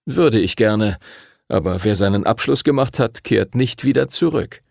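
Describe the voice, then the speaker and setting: A man's voice: on the low side, expressive, moderate pace, gravelly, a little mellow, no echo, studio quality. A man voicing an eager, reassuring young man in an audiobook, speaking with enthusiasm. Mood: earnest. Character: eager young male graduate, excitable and reassuring. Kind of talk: audiobook character voice.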